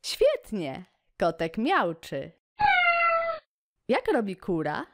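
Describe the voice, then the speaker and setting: A woman hosting a children's educational video, speaking slowly and encouragingly in a sing-song way. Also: lowish voice, huge pitch swings.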